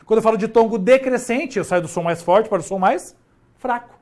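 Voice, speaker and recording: A male teacher giving a grammar lesson, stretching key words and asking himself questions as he goes. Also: sits high. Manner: animated, drawn-out emphasis on key words, talks to himself.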